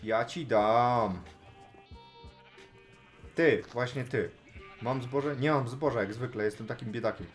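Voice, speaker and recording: A man commentating his own Minecraft play in casual, chatty talk, chatting to the animals and now and then shouting with excitement. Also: medium pitch, normal speed, soft background music. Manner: chatty, talks to animals in game, bursts of excited yelling. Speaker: gaming YouTuber.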